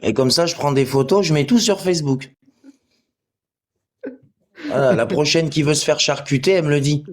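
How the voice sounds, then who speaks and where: This livestream participant, a man from Portugal, answers commenters with crude, abusive arguing and plenty of swearing. His voice runs on the high side, his pace is normal, and he pauses often.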